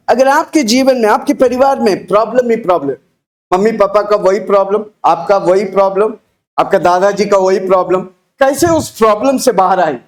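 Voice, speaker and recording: Indian guy preaching, high voice, booming and exhorting, keeps telling the crowd to repeat after him. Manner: booming, exhorting delivery with shouted prompts for the congregation to repeat; repeats phrases and fires rhetorical questions at listeners. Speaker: preacher leading a church congregation. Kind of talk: loud call-and-response sermon.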